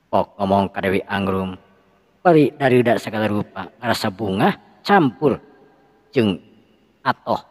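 A storyteller with a Sundanese accent and a low voice tells a folk tale in a lively, dramatic way, shouting out sound effects. A long reverb trails after each of his lines.

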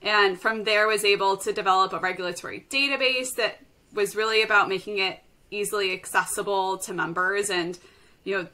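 Bright-voiced woman with a Chicago accent. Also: medium pitch. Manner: friendly, conversational, many fillers. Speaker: guest from an industry association. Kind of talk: interview answers.

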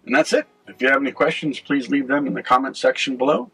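Quick and expressive, a middle-aged man with a North American accent explains a how-to casually for his vlog while at the helm inside a small boat cabin. His medium-pitched voice is creaky, husky, and a bit bright, captured in a low-quality recording.

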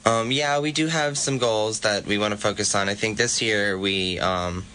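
A man's voice: on the low side, steady tone, moderate pace, pushed and bright, a little hiss or hum. A young man, a student club guest on campus radio, explaining things hesitantly with many ums. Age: young adult. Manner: hesitant, frequent "um". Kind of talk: casual radio interview.

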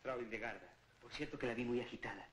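Actor as a brisk doctor in an echoey room. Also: male voice, mid-range voice, fairly bright tone, close to an everyday voice. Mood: impatient, secretive. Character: earnest, reassuring doctor investigating a vampire count. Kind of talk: 1960s gothic horror film acting. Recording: echoey, noisy old film soundtrack.

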